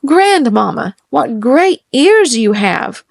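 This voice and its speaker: A woman voicing an innocent little girl who speaks slowly and wonderingly. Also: fairly high pitch, sing-song, gravelly, dry recording, clean studio sound, full character voice.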